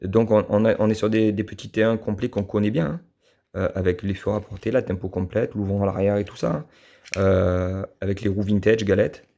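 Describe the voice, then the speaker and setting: A man with a southern French accent talks casually about his collection, his low voice catching in a gravelly fry. The tone is mellow and dark, and he stops often with fillers and restarts, sounding fond of what he shows. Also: fairly even intonation, a little fast. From southern France. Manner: hesitant, many fillers and restarts, fond and admiring. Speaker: die-cast model car collector reviewing his cars. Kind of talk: casual unscripted review.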